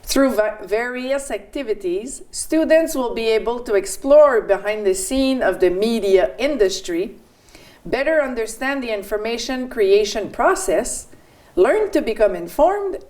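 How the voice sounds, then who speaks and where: A woman's voice: fairly high pitch, animated, normal speed, darkish tone. A woman in her forties with a French Canadian accent, co-hosting community radio and reading local notices with chatty asides. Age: 40s. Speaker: radio co-host. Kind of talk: community radio announcements and banter.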